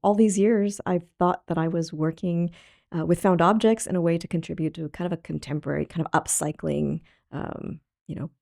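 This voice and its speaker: A middle-aged woman from Thailand, an artist guest speaking thoughtfully in an interview, pausing and searching for words. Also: fairly low pitch, vocal fry, mellow, no echo, clean studio sound. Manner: thoughtful, halting, laughs easily. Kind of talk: reflective interview talk.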